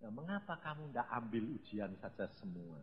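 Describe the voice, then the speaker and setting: An older man with a Javanese accent voicing God as a calm, easygoing figure who speaks softly and plainly. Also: medium pitch, moderate pace, breathy edge, pitched below the performer's own voice. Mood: calm, gently teasing. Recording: dull lo-fi sound.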